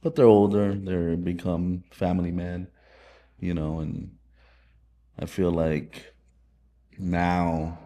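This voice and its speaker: A soccer team manager talks bluntly and confidently on a podcast. His voice sits low and mellow, with little rise and fall. He is a man who says what he thinks. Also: little pitch movement, slow, long pauses. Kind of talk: casual podcast chat.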